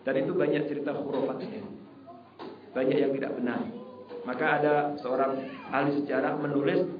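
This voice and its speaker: A man from Indonesia giving a sermon to a congregation, telling a story with lively rises and loud quoted pleas. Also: fairly quick. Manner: animated storytelling, shouts quoted pleas at high pitch. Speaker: preacher. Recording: roomy, distant, dull lo-fi hall recording.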